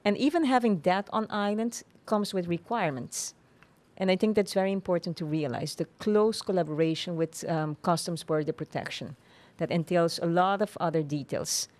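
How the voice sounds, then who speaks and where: A woman with an Aruban accent explaining things formally and in measured, hesitant phrases as an interview guest. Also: fairly low pitch, a little mellow. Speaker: tourism authority official, interview guest.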